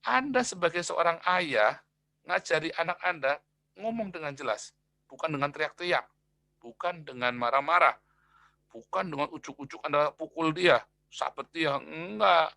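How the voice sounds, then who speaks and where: Animated, gravelly-voiced preacher man. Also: fairly high pitch, moderate pace, no room sound. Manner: animated, swings between loud emphatic lines and quiet asides; acts out quoted people in a raised voice. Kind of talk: sermon.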